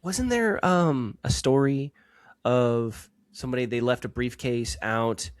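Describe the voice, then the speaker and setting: A man's voice: medium pitch, a little slow, dry recording. A man co-hosting a podcast, rambling and joking in casual chat and swearing freely. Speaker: podcast co-host.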